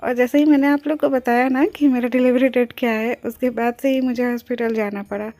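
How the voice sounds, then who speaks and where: Soft-voiced young woman chatting in a vlog. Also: fairly high pitch, steady tone, a little fast. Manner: chatty, explains as she goes, mixes in English words. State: pregnant, near delivery. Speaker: vlogger. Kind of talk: casual vlog narration.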